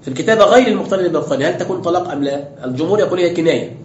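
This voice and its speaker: A man's voice: on the high side, lively intonation, very fast, darkish tone. A man teaching as a sheikh in a classroom lecture, explaining step by step and asking rhetorical questions. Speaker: sheikh teaching tafsir and fiqh. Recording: dull roomy lecture recording, faint noise.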